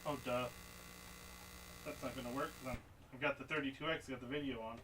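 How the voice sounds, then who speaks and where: A man's voice: mid-range voice, steady tone, fairly quick. Guy on a live stream fixing consoles, talking to himself, sounds kinda far from the mic. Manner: talks to himself as he works, mumbling asides. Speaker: streamer repairing game consoles. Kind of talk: casual live-stream chat while working. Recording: voice a bit far from the mic, faint noise behind.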